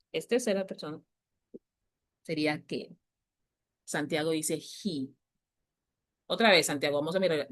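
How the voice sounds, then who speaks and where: A woman teacher explaining grammar to a class, patiently repeating key points and slowing down to stress them. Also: low voice. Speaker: English teacher.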